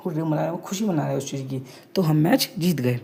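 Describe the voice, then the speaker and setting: Woman teacher for a kids' online class, husky and mellow, explains everything twice and reads examples slowly. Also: low voice. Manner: explains each point twice, saying "okay" again and again; talks to the class as children.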